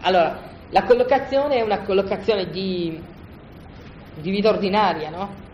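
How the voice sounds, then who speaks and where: At a moderate pace and in a mid-range voice, a Bible study teacher chats through scripture with a room of listeners. His explanations are colloquial and animated, with restarts and constant "no?" check-ins. Slight background noise and faint ambience come through the roomy, dull lo-fi recording.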